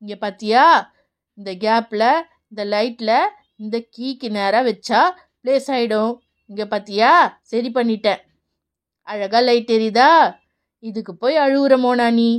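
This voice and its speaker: Woman playing a young cartoon boy, calm, patient, explains step by step, fairly high voice. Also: a little slow, long pauses, lightly acted. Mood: reassuring. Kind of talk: children's cartoon voice acting.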